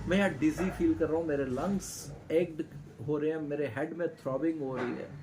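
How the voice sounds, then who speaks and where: A male teacher who reads lines from a lesson slowly and explains them with dramatic swings in pitch and loudness. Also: steady tone, noisy background.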